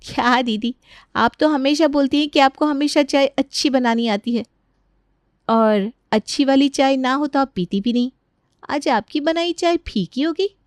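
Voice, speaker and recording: An earnest young daughter-in-law from a cartoon story, as a woman plays her, with a fairly high voice. She protests in pleading, indignant questions. The recording is close and dry. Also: a little slow, no echo.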